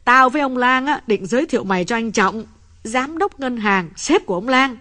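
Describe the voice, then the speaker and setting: A man reading an audiobook voices an anxious young wife who talks in rapid, shrill outbursts. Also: animated, bright, forceful tone, full character voice. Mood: tearful. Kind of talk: audiobook character voice.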